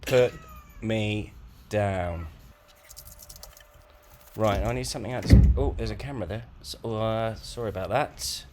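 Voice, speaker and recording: A man's voice: on the low side, unhurried, pauses often, noisy background. Jokey man narrating a vlog. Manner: jokey, teasing, lively narration. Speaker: co-host, husband. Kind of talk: playful vlog voice-over.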